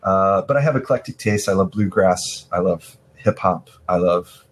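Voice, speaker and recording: A man's voice: sits low, moderate pace, a little hiss or hum. A man, an art director, chatting casually as a podcast guest, rambling with frequent restarts and easy laughter. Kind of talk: casual chat.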